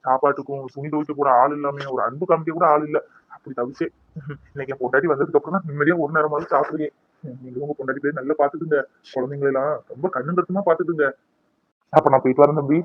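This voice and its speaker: A man voicing a weary, grateful old man in a cartoon, giving slow, heavy-hearted advice. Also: on the high side, fairly even intonation, no echo, muffled recording, pitched below the performer's own voice, natural voice. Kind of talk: cartoon voice acting.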